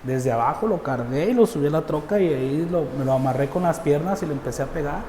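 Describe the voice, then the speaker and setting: A man's voice: a little high, quick pace, warm tone. A man with a northern Mexican accent gives a personal conversion testimony, telling his story earnestly and acting out the dialogue. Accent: northern Mexican Spanish. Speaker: testimony speaker. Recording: roomy hall reverb with faint background noise.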